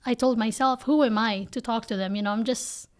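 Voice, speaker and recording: A Filipino woman in her thirties, a company founder, answers interview questions as a podcast guest, earnestly and often saying "you know," with a Filipino accent. Her voice is on the high side, fairly even and a little fast, recorded on a desk podcast mic on a boom arm in a small office studio with bookshelves.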